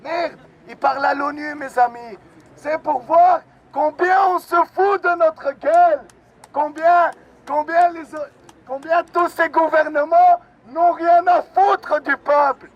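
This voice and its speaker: Man fired up at a rally, high voice, slow and shouty, crowd faint behind. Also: steady tone, dull audio. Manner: fiery, indignant, shouting. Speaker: rally speaker. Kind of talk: impassioned rally speech. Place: outdoor street rally.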